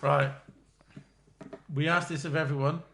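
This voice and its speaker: A man with an English accent co-hosting a podcast in casual chat, firing off quick questions and laughing often. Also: fairly high pitch, flat delivery, creaky, fairly bright tone, slight background noise. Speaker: podcast co-host.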